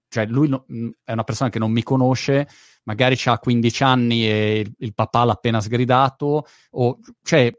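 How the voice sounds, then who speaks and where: A man's voice: mid-range voice, no echo, studio quality. A man talking frankly in a casual conversation as a video creator, with informal swearing and a plain everyday delivery. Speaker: YouTuber guest.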